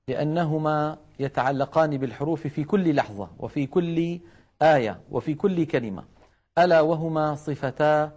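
A man's voice: on the high side, a little mellow. A man teaching Quran recitation in a television studio lesson, sounding out letter syllables again and again and urging viewers at home to try them.

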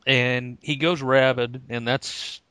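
A man's voice: medium pitch, steady tone, takes it slowly, pushed and bright, smooth, dry recording. A man casually talking about comics, hesitant and laid-back with many ums. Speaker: comic book podcast co-host. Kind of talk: casual chat.

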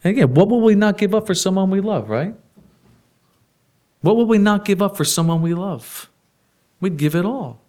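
A man preaching a sermon in a conversational way, asking the congregation rhetorical questions and laughing softly now and then. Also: high voice, lively intonation, normal speed, long pauses.

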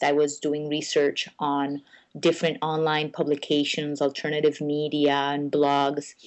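A woman's voice: low voice, a little mellow. A woman from Rico, answering interview questions in an earnest way and often restarting her sentences. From Puerto Rico. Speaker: guest, blog network editor.

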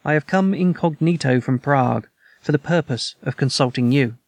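A man's voice: medium pitch, normal speed, darkish tone, no room sound, close to an everyday voice. A man reading the lines of a proud, masked nobleman king in an audiobook story, with formal, stately speech.

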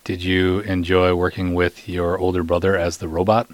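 A middle-aged man's voice sits low with a level tone and normal speed as he hosts a podcast. Acting as host and interviewer, he keeps the light interview casual, playful and teasing.

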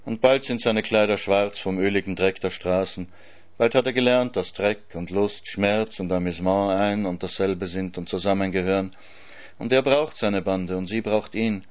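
Brief: male reader of literary prose, low-pitched voice, measured and sober, dry irony. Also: steady tone. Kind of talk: literary reading.

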